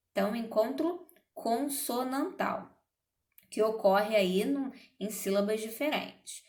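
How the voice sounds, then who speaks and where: A woman teaching a grammar lesson, speaking deliberately and checking in with her students as she explains. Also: a little high, roomy sound. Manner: slow, deliberate, checks in with "certo?" and "ok?". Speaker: Portuguese teacher.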